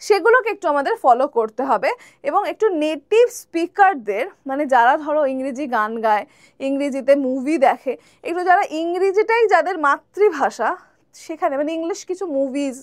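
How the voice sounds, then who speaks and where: A young woman from West Bengal with a Bengali accent, teaching spoken English in a video lesson, slowing down to model English phrases and often checking in with her viewers. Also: sits high, no echo, studio quality. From West Bengal, India.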